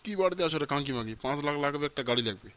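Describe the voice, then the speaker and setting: A man's voice: on the high side, expressive, racing, clean tone, muffled recording. A man voicing a furious, cursing old father. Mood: angry. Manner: shouting, cursing, repeating threats. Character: foul-mouthed stingy old father, always furious. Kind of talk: comic cartoon voice acting.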